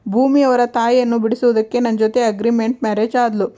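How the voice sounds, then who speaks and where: A woman's voice: a little high, little pitch movement, quick pace, dark tone. A woman narrating a TV serial episode as a story, reading all the characters' lines in her own voice.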